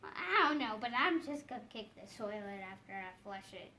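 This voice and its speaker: A child improvises a puppet show, theatrically acting out characters with exclamations. The voice is medium-pitched, sharp, very animated, and fairly quick. It's recorded in an echoey room with some background noise.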